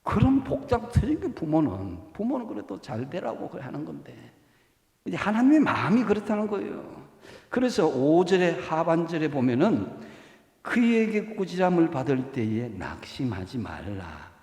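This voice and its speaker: Lively preacher in an echoing church hall. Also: male voice, fairly high pitch, moderate pace. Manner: lively, conversational preaching with questions to the congregation. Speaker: pastor. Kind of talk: sermon. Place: church sanctuary. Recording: echoey church hall reverb.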